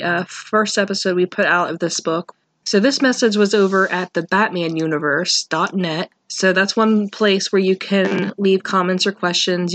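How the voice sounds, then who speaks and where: A woman hosting a podcast in a chatty, relaxed way, recorded through a built-in laptop microphone with low-quality audio. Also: no room sound. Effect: low-quality laptop mic audio. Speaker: podcast host. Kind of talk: casual podcast chat.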